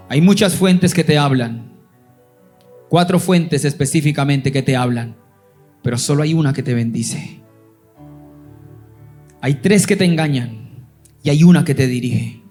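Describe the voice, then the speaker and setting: A man, a pastor preaching a sermon with emphatic rises and stretched phrases, settling into a softer storytelling voice. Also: medium pitch, unhurried, long pauses, soft background music.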